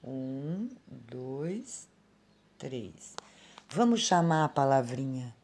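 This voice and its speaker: A woman teacher with a Brazilian Portuguese accent explaining grammar to children in a slow, patient way, recorded on a phone at home. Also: extremely low pitch, expressive, a little mellow, a little hiss or hum. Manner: slow, patient and explanatory, calling out words aloud. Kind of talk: remote grammar lesson for children.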